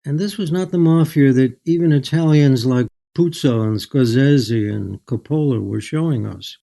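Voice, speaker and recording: Interviewed as a guest author, an older man reflects on his writing in a measured, articulate manner, picking his words carefully. His voice is mellow and soft-edged at an average pitch, with a creaky quality.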